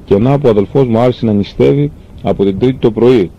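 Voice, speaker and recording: A man reading a classic novel aloud, telling the story calmly and earnestly with the odd stumble. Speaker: reader. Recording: dull lo-fi recording with faint rumble.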